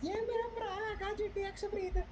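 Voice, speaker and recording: A man's voice: extremely high pitch, flat delivery, brisk, a little mellow. A man chatting casually as he plays along with a friend on a gaming stream.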